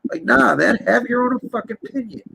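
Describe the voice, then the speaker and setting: A man hosting a casual livestream chat, blunt and heavily profane in a buddy-like way, with a gravelly, creaky voice. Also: extremely high pitch, lively intonation, brisk, bright, forceful tone, dry recording. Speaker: host of a livestream. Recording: dull lo-fi stream audio, clear background noise.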